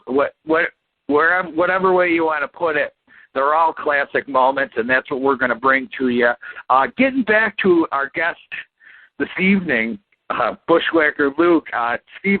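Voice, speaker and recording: A man co-hosting a wrestling podcast in casual chat, rambling with lots of fillers and folksy asides. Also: on the high side. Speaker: podcast co-host. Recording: tinny phone-line audio.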